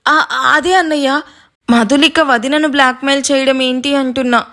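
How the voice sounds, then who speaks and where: A woman's voice: very high voice, brisk, pushed and bright, pitched above the performer's own voice. Woman voicing a stammering timid younger brother. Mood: nervous. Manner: hesitant, stammering.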